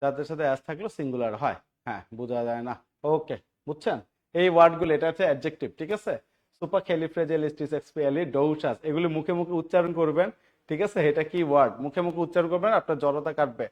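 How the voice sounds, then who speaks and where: High-voiced male Bangladeshi English tutor. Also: fast, highs cut off. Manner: keeps asking the class short check questions and answering them himself; grows louder and more emphatic while stressing points. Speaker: teacher. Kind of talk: English grammar lesson for job exam students.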